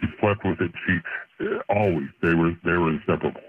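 A man's voice: sits low, a little fast, slight background noise. A man calling in to a radio show, his voice disguised by a voice changer, telling a personal story earnestly with stumbles and restarts. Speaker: caller. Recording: voice-changed phone-line call.

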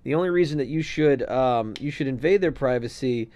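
A man's voice: mid-range voice, brisk, a little mellow. A man co-hosting a casual podcast, reading a listener letter aloud and giving blunt, opinionated takes with some swearing. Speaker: podcast co-host.

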